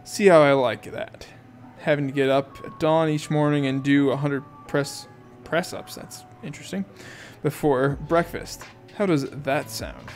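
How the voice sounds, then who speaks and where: A man's voice: fairly high pitch, steady tone, measured pace, hardly any pauses, faint music behind. A man reading a novel aloud in first person, in a casual amateur audiobook style with asides and self-corrections. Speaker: audiobook reader.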